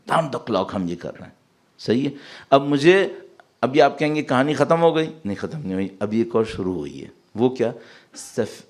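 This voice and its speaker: Man, sermon preacher, mid-pitched, very animated delivery. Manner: mixes English words into Urdu speech. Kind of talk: Muharram majlis sermon. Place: large mosque hall with a congregation.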